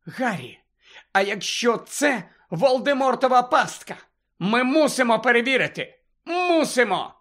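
A man's voice: very high-pitched, lively intonation, unhurried, fairly bright tone, voice pushed up, exaggerated voice. Insistent pleading teen girl, read by a man. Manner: hissing, pleading.

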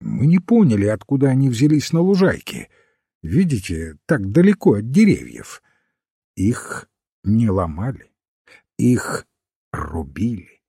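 A meek little priest detective, read by a man with a lively, slightly husky lilt. He speaks calmly and patiently, answering in gentle riddles. Audiobook reading. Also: lowish voice, measured pace, dry recording, studio quality, heavily acted. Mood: calm, cryptic. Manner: calm, gently cryptic.

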